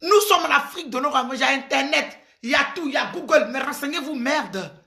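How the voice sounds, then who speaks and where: A high-pitched, bright-toned woman speaks emphatically, preaching advice at her listeners. She sounds middle-aged and forceful in delivery. The recording sits in an echoey room. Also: lively intonation, a little fast, gravelly. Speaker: commentator giving advice. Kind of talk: impassioned advice monologue.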